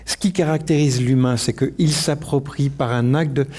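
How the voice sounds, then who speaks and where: A man's voice: medium pitch, fairly even intonation, moderate pace, a little mellow. A man speaking on an academic panel, answering questions reflectively and thinking aloud with restarts.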